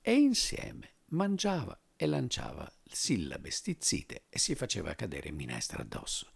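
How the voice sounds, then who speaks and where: Male audiobook narrator: low, gravelly, animated delivery, wry tone, soft music bed. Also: unhurried, dry recording. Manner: expressive, wry storytelling. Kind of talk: audiobook reading of a literary memoir.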